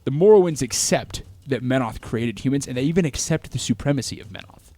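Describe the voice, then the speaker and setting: A man's voice: medium pitch, lively intonation, fairly quick, mellow, no room sound, faint music behind. A man co-hosting a casual chat about tabletop game lore, rambling with lots of restarts and filler words. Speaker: co-host.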